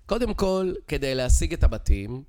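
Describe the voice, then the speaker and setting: A man's voice: medium pitch, sing-song, darkish tone. A middle-aged man with an Israeli accent talks in an informal, explanatory way. He is insistent and teacherly, punctuating his points with short check questions. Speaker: real estate expert guest. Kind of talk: casual explanatory conversation.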